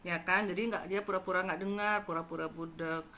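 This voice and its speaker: A woman telling a gossipy story to her viewers, animated and dramatic, acting out the quotes. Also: fairly low pitch, a little fast. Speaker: channel host telling a story.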